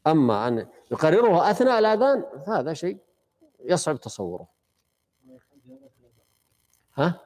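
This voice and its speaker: A man's voice: fairly high pitch, very animated, moderate pace, long pauses, darkish tone. A man teaching a study circle, explaining a classical text conversationally and quizzing his students.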